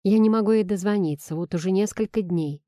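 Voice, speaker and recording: A woman's voice: medium pitch, fairly quick, dark tone, no echo, clean studio sound, lightly acted. A woman reading a storybook, voicing an anxious, impatient young male doctor. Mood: anxious, hurried. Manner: nervous, pushy.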